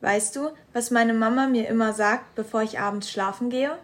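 A woman voicing a cheerful, kind little child with bright, eager chatter. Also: fairly high pitch, steady tone, moderate pace, pitched above the performer's own voice, natural voice.

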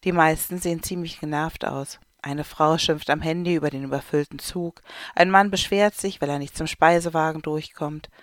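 Calm storybook narrator, dry close sound. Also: medium pitch, normal speed, hardly any pauses, dry recording. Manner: calm, clear read-aloud delivery with light voices for characters. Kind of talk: storybook reading for children.

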